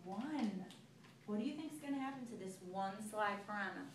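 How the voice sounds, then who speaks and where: A woman teacher with a medium-pitched, expressive voice reads a picture book aloud to a child at normal speed, pausing to ask questions. The recording is noisy, echoey, and captured from far away.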